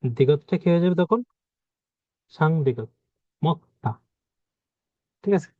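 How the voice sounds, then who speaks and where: A man's voice: a little high, animated, takes it slowly, no room sound. A man teaching pronunciation, patiently repeating each example word as he explains the rules. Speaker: language teacher. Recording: dry, phone-like narrow sound.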